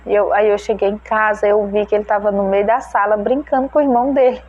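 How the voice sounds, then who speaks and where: A woman's voice: medium pitch, fairly even intonation, fast, a little mellow, highs cut off. A mother retelling a personal religious testimony, emotional and prayerful, often voicing her own prayers aloud. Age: adult mother. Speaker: testimony speaker.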